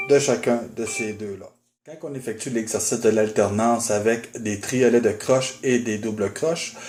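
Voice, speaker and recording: Patient guitar teacher, roomy sound. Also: male voice, medium pitch, mellow. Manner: methodical, patient explaining with frequent "euh" fillers. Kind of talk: instructional video. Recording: roomy, with guitar playing in the background.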